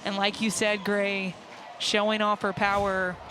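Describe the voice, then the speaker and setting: Even-toned female softball analyst. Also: medium pitch, unhurried. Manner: explanatory. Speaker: color analyst. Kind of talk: live softball analysis commentary. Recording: noisy stadium crowd behind commentary. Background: crowd and outdoor ballpark noise.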